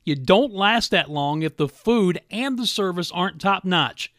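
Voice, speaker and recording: A man's voice: high-pitched, lively intonation, unhurried, fairly bright tone, no echo, studio quality. Chipper man reading a sponsor ad. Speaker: radio host reading sponsor spots. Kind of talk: upbeat scripted advertisement read.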